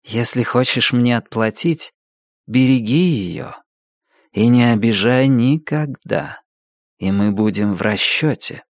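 A strange, otherworldly woman stepped out of a painting speaks with cool, measured command, voiced by a man reading the story. When she breaks, her voice rises into shrill, inhuman shrieking. The recording is close and dry, with no room around it. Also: no echo. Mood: restrained.

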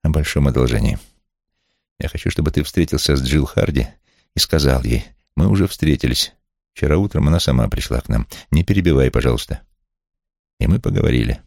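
A man voicing a jailed male private detective who talks low and guarded, in an audiobook. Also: expressive, a little fast, vocal fry, no echo, clean studio sound, heavily acted. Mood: hushed. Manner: hushed, low-voiced.

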